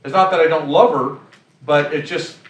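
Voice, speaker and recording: A man's voice: fairly high pitch, normal speed, distant mic. Man leading talk in an echoey room. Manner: conversational, leads the discussion. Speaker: presenter. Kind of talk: Q&A discussion. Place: conference room.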